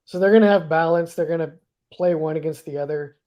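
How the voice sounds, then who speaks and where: A man giving casual football analysis, thinking aloud with halting restarts. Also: on the high side, dull audio.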